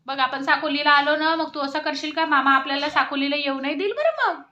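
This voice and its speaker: A woman's voice: sits high, brisk, sharp tone, muffled recording. A young woman vlogging at home on a phone, chatting to viewers and coaxing a toddler in a sing-song way. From Sakoli, Maharashtra. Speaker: family vlogger. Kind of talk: casual home vlog. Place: family home indoors.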